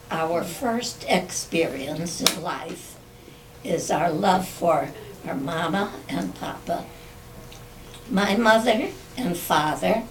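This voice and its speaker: An older woman, a guest poet, reading her own poems aloud with a slow, measured recitation at a community club. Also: on the low side, distant mic, low-quality recording.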